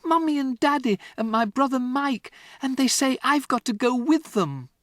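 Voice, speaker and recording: A storybook narrator voicing a distraught young schoolgirl who pleads in a high, breathless voice. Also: expressive, normal speed, no echo, studio quality.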